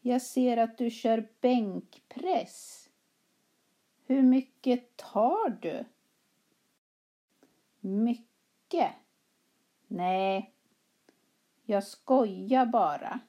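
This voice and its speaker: Mellow-voiced woman teaching Swedish pronunciation. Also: a little high, pauses often. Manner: carefully articulated, reads both parts of a dialogue. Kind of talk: slow, clear language-lesson dialogue reading.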